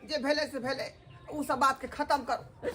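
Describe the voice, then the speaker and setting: A man's voice: extremely high pitch, fairly even intonation, moderate pace, bright, forceful tone. A man playing a fickle, cheating husband who placates both his wife and his new bride. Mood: sheepish. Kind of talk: amateur comedy skit acting.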